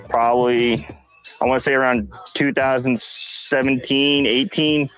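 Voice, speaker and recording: A man's voice: mid-range voice, a bit bright, clean tone, poor audio. A man from New Jersey, a kayak angler talking in a friendly, matter-of-fact way. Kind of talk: interview answer.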